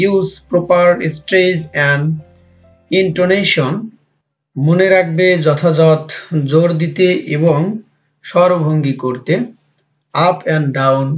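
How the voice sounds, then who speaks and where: A fairly high-voiced man with a Bangladeshi accent leads a textbook English lesson at a very unhurried pace. He reads each line carefully and then gives it again in Bangla. The audio is muffled and lo-fi, with soft music under his voice. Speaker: English teacher.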